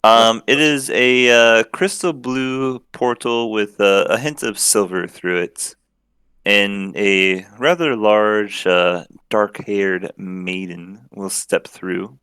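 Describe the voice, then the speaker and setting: Bright-voiced young man running a game. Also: lowish voice, takes it slowly, clear, resonant tone, no room sound. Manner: casual, loose, filler-heavy narration. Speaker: game master. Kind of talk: narrating a tabletop game.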